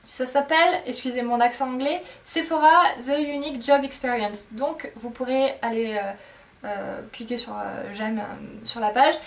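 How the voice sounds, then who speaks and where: A woman's voice: fairly high pitch, normal speed, far from the mic. A woman beauty vlogger chatting casually to camera, hesitant and filler-heavy.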